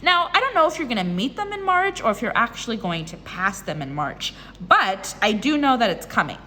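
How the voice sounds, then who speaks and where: Casting: excitable woman tarot reader, high and very lively voice, long room reverb. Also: brisk, a little hiss or hum. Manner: bubbly, excitable, chatty. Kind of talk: casual tarot reading. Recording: reverberant room with faint ambience.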